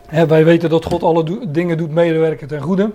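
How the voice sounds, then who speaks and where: Male preacher, earnest verse-by-verse teacher, somewhat raised pitch. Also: steady tone, fast, mellow, highs cut off. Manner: earnest, stresses key words, many restarts. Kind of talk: Bible teaching sermon.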